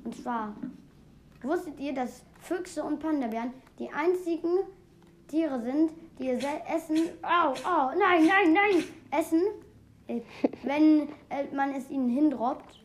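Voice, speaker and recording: A woman giving casual, excitable gaming commentary, rambling through fun facts with many restarts. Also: sits high, unhurried. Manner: excitable, keeps exclaiming "Junge". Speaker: let's play host.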